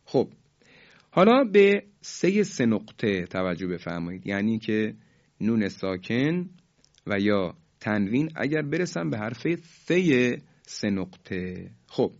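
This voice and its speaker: A man teaching Quran recitation in a formal, polite manner, slowly stretching out each recited example for students to repeat. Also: lowish voice, sing-song, darkish tone, muffled recording. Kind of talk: recorded tajweed lesson.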